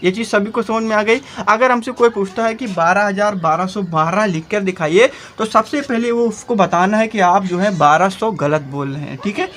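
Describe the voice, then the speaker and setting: A man's voice: high-pitched, moderate pace, few pauses, a bit bright, slight background noise. A male teacher explaining a math lesson, often asking rhetorical questions and checking in with a repeated "okay".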